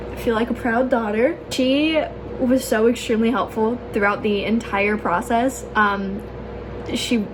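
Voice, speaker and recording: A young adult woman telling a personal story casually, as a vlogger, in a chatty, gushing way full of filler "like"s and exclamations. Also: a little high. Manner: chatty, gushing, peppers talk with "like" and "oh my gosh". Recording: clear background noise.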